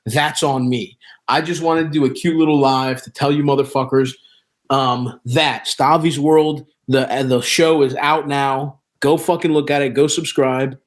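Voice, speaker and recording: A man's voice: medium pitch, fairly even intonation, unhurried. A man chatting casually on a live stream, joking and swearing. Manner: profane, joking.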